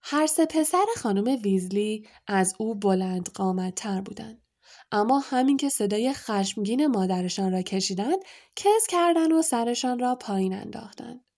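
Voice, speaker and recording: A woman reading a storybook aloud as narrator in a calm, even manner. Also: a little high. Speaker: audiobook narrator.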